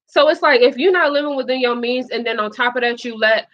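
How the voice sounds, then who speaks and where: A woman's voice: a little high, fast talker, fairly bright tone. A woman co-hosting a casual chat, frank and opinionated, with many fillers. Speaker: co-host. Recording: dull lo-fi sound.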